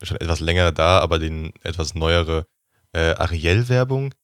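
A man's voice: deep voice, moderate pace, a bit bright, no room sound, clean studio sound. A man in a casual group chat, talking in rambling restarts and sounding puzzled.

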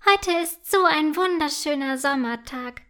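A woman voicing a tiny, cheerful young female forest elf who talks eagerly and brightly. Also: sits high, a little slow.

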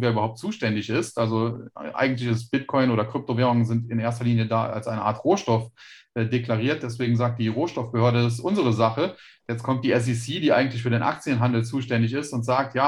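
A man speaking as a podcast guest, explaining things at length with frequent hesitations. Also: mid-range voice. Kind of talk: casual interview chat.

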